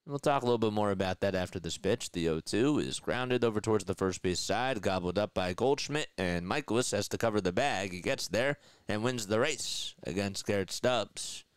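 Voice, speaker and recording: Speaking at a moderate pace with few pauses, this man in his thirties has a lowish, expressive voice that's clear and resonant, with a Philadelphia accent. He hosts a baseball livestream, calling plays, laughing a lot, chatting, and reading viewer comments out loud. It's a dry recording from a headset with boom mic in a small indoor room at a desk setup.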